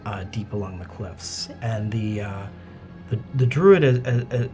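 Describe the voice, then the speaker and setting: A man narrating a tabletop role-playing game as game master, in halting, improvised phrases. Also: lowish voice, over music.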